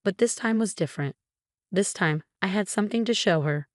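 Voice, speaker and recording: A woman narrating a first-person story in an even, measured way. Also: medium pitch, no echo, clean studio sound.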